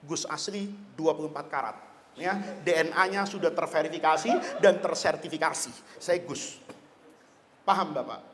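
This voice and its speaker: A man preaching a lively religious lecture, joking and asking the audience questions. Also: fairly high pitch, normal speed. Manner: animated, jokey, asks the audience questions. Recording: long hall reverb.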